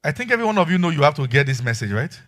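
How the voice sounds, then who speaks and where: A man preaching a sermon as pastor, animated and emphatic, asking rhetorical questions. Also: on the high side, racing.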